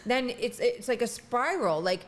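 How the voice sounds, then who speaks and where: A woman's voice: on the high side, expressive, a little slow. A woman co-hosting a podcast, talking bluntly and frankly in casual chat. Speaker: podcast co-host.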